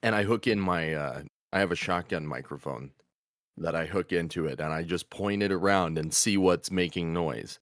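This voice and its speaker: A very deep-voiced man from Oklahoma talks shop as a voice actor in loose, casual chat. He rambles and restarts, laughing as he goes, and the padded booth he records in leaves his voice dry and close with no room sound. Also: normal speed, no echo. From Oklahoma, USA. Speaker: voice actor and show host.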